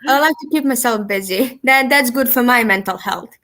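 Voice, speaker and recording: A woman's voice: a little high, normal speed, sharp tone. A young woman from Serbia, a university student, earnestly telling her story over a video call. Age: young adult. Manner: earnest, eager to share. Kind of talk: casual interview answers.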